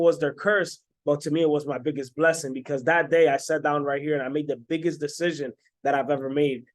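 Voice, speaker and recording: Upbeat young male business coach. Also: fairly high pitch. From Dominican Republic. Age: 20s. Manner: energetic, repetitive, keeps asking "right?". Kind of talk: motivational sales pitch to camera.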